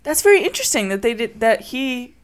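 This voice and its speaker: Playful, excitable woman co-host. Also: on the high side, fairly quick. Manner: enthusiastic, playful, interjects often. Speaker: podcast co-host. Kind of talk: casual chat.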